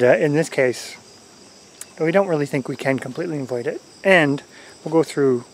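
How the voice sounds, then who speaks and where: A homesteader vlogger in his forties chats casually to a handheld camera in a corn garden, relaxed and rambling, full of fillers and chuckles. His voice sits at medium pitch, picked up by a camera-mounted mic at arm's length. The recording is rough, with faint crickets and insects buzzing in the background.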